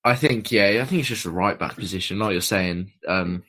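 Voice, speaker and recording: A man speaking in a measured way, full of "I think" and "kind of", as a panelist on a casual football fan podcast. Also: deep voice, bright, forceful tone.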